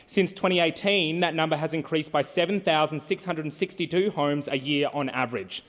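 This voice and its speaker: A man's voice: a little high, a little fast, fairly bright tone. An Australian man reading a prepared parliamentary question in a formal, pointed way. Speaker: member of parliament. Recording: reverberant parliamentary chamber.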